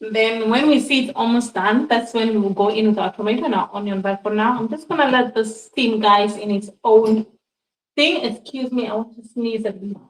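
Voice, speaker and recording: A woman's voice: a little high, moderate pace, recorded from a distance. A woman giving a casual cooking demonstration in her home kitchen, chatting to her viewers and often calling them guys. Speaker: cooking vlogger. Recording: echoey kitchen, voice off-mic.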